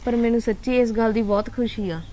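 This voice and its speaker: A woman playing a high-voiced teasing sister-in-law. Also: a little fast, a little hiss or hum, close to an everyday voice. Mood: reassuring. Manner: lively, chiding, affectionate. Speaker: actress. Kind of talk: Punjabi web drama acting.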